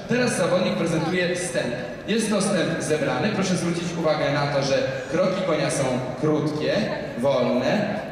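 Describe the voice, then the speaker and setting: A man commentating live in an arena, calmly and instructively explaining the riding to the spectators. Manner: calm, instructive, addresses the audience directly. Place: large indoor equestrian arena with spectators. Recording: booming arena echo from far off, crowd behind.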